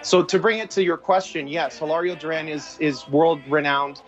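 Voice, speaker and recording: Speaking over a dull, lo-fi video call from a room in his home, a guest film director in his forties with a Canadian accent talks reflectively, frequently starting over. His voice is fairly high and steady at a normal speed, with soft music in the background.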